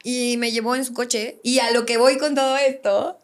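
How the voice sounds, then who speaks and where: A Mexican woman as a podcast guest, telling a personal story in lively, slangy casual talk and acting out the quotes. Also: a little high, moderate pace.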